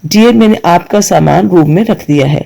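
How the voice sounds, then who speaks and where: A man's voice: high-pitched, vocal fry, mellow. A man doing a cheerful polite young assistant. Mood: eager. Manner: formal, says ma'am often.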